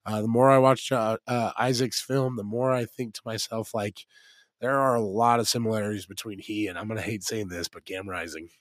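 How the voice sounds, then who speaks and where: Hoarse American man talking football. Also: lowish voice, fairly even intonation, fairly quick, no room sound. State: hoarse, smoky rasp from being out in the cold. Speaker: sports podcast co-host and football analyst. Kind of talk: casual sports talk.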